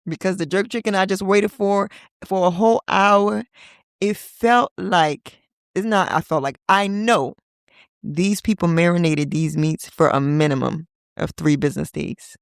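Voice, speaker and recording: A woman in her thirties hosting a casual solo podcast, talking in a playful, chatty way with teasing asides and sudden high-pitched exclamations. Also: unhurried, no room sound, clean studio sound. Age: 30s. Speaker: podcast host.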